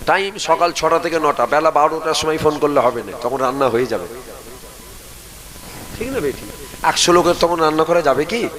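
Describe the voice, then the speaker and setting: A man's voice: a little high, poor audio. A man preaching a sermon. He urges the crowd to answer him aloud and leads them in chanted prayers.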